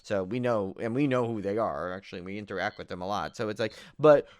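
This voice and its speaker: Fast and on the low side, this podcast co-host's voice is darkish, clear, and resonant, captured in a dry, studio-quality recording. In casual film-review chat he rambles, repeats himself with enthusiastic emphasis, and strings together lots of "like" and "you know".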